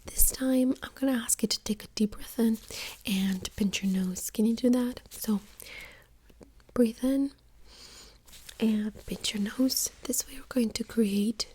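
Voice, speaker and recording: A woman with a slightly high voice whispers through a role-play as a doctor in a soft-spoken ASMR exam. Breathy and gentle, she gives instructions step by step.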